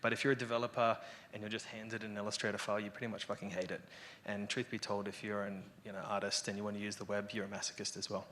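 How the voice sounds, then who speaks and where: A man's voice: lowish voice, level tone, fast, few pauses, fairly bright tone, a little hiss or hum. A man giving a casual, irreverent lightning talk to an audience, rambling and conversational, with salty language and wry asides. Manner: rambling and conversational, peppered with "you know". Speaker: lightning talk speaker, developer and illustrator.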